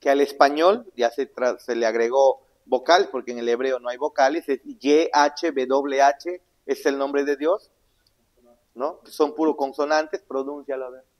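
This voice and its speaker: A man preaching a sermon, asking the congregation questions and answering them himself, swinging between loud emphatic lines and low hushed asides. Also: steady tone, unhurried. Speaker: pastor. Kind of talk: sermon Bible teaching.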